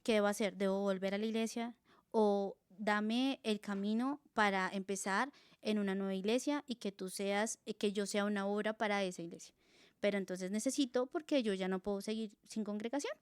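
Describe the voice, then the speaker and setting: Here the same young Colombian-accented woman, a guest, recounts her faith testimony in an animated, informal way, performing her past dialogue and using many fillers. Her pitch is medium and her speed normal, with a clear, resonant tone on a dry, studio-quality recording.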